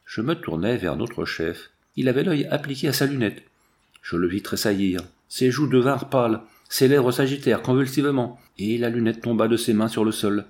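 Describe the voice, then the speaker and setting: A man reading a classic adventure novel aloud in steady, measured narration, with slight shifts for the quoted voices. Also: mid-range voice. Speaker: audiobook reader.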